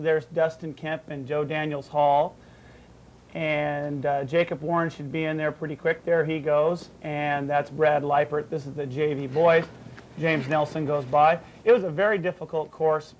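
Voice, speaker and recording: Flat-voiced coach man. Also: a little high, moderate pace, highs cut off, slight background noise. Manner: steady, plain commentary with fillers. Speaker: cross country coach. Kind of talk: studio interview.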